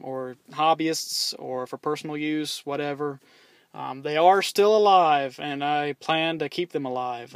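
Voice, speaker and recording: A man with a fairly high voice, recorded with no echo, reviews his CB radio in a vlog from inside his parked SUV. His talk is loose and rambling, with casual swearing, lots of ums, and frequent restarts.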